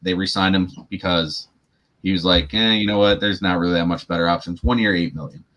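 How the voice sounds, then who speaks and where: Man on a sports podcast, lowish voice, opinionated, casual chat. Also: fairly quick. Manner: chatty, opinionated, animated asides. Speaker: podcast co-host.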